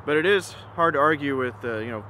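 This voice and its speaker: Bright-voiced man chatting casually over outdoor noise. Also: on the high side, quick pace. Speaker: gun reviewer and presenter. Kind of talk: casual product comparison talk to camera. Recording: noisy outdoor recording with ambient hum.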